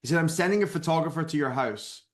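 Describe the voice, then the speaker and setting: A man's voice: on the high side, quick pace. A man from Scotland in his thirties, a spiritual author telling a personal story as a guest and acting out the people in it. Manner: lively narrator who acts out the people in his story.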